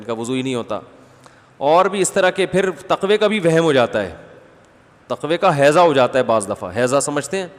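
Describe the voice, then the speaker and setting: A man giving a conversational sermon as a religious scholar, addressing listeners as brother and reciting verses between his points. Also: medium pitch. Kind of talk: Ramadan sermon after night prayers. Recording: long hall reverb.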